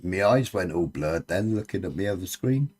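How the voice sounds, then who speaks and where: A man's voice: low voice, animated, normal speed, darkish tone. A man with a Cornish accent chatting casually on a late-night livestream, bantering and swearing freely. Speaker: live stream host.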